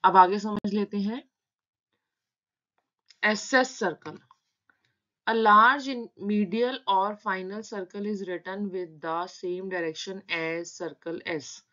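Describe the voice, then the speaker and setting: Her tone bright and forceful yet steady, a mid-range-voiced woman patiently walks through shorthand, slowly breaking words down and spelling out their sounds step by step. It's captured in dull, lo-fi sound.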